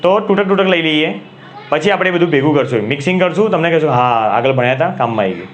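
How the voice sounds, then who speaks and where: Man, Gujarati accent, slightly raised pitch, classroom lecture, asks and repeats, faint background noise. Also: expressive, fast talker, lo-fi sound. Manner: asks the class questions and repeats key words. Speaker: English grammar teacher.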